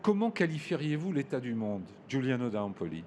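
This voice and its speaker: A man moderating a panel discussion, giving formal, measured introductions to his guests. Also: mid-range voice, very animated, a little mellow, a little hiss or hum. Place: large hall at a public event.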